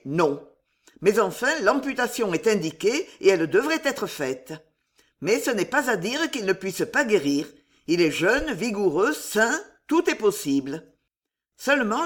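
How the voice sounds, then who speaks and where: A blunt army surgeon, irritated and curt, as a female narrator puts him on. He states facts flatly, dipping lower than the reader's own voice, in a storybook. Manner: curt, matter-of-fact.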